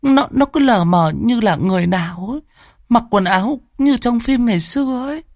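A man's voice: very high voice, expressive, normal speed, darkish tone, no echo, clean studio sound, voice pushed up. A man doing a stammering scared teen girl. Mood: fearful. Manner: stammering, pleading. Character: frightened pregnant teenage girl, stammering.

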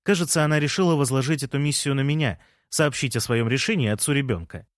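A man's voice: medium pitch, quick pace, no room sound. A man narrating a first-person audiobook in a dry, wry manner on a close mic.

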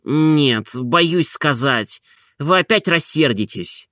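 Oblomov, a timid pleading gentleman read by a man. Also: fairly high pitch, lively intonation, dry recording, clean studio sound, full character voice. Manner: slow, soft and pleading. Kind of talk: audiobook character reading.

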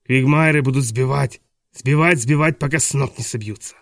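A man doing a smooth, gloating villain. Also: medium pitch, a little fast, a bit bright, no room sound, studio quality, natural voice. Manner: smooth and falsely polite, gloating. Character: scheming, gleeful villain posing as a teacher. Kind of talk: audiobook dialogue reading.

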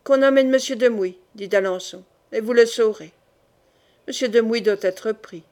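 A woman voicing a scheming, resentful young duke who answers with sharp, bitter retorts, in an audiobook. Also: a little high, moderate pace, close to an everyday voice.

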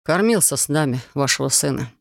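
A man's voice: medium pitch, lively intonation, a little fast, vocal fry, dry recording, clean studio sound. A man voicing a chilled young male painter who speaks in a formal, reassuring official tone in an audiobook. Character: young male painter, cold, dutiful, polite.

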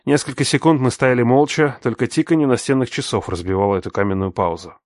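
Guy narrating a story, mid pitch, dry close sound, tense and measured. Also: a little mellow, no echo. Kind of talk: first-person audiobook narration.

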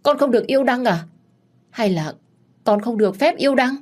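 A young woman, tearful yet defiant, pleads with emotion in an audiobook story, voiced by a woman narrator. Her voice sits a touch higher than the narration. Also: lively intonation, normal speed. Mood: pleading.

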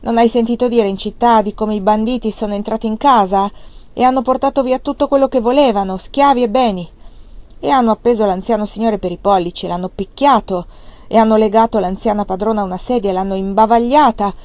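A sharp-tongued servant woman snaps in a shrill, raised voice, as a woman puts her on for an audiobook. She scolds with a biting, loud edge. The delivery is harsh and impatient. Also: fairly quick, dry recording, natural voice. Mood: recounting. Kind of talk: audiobook character reading.

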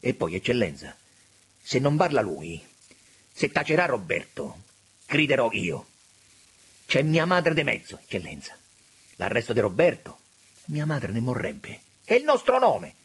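A man's voice: mid-range voice, sing-song, measured pace, pauses often, fairly bright tone, slightly rough, heavily acted. A man reading an audiobook, voicing a proud, indignant young man who speaks in raised, urgent outbursts. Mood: pleading. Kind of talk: audiobook character voice.

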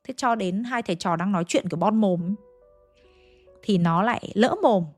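A woman's voice: medium pitch, normal speed, a little mellow, soft background music. A woman with a Hanoi accent retelling a ghost story in a chatty, dramatic way, speaking straight to her listeners. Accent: Hanoi Vietnamese.

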